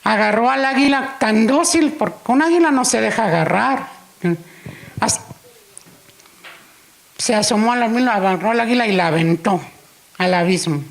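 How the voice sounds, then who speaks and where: A woman's voice: a little high, lively intonation, normal speed, vocal fry, pauses often. A woman preaching in church, unhurriedly telling a story and acting out its dialogue. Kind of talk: sermon storytelling.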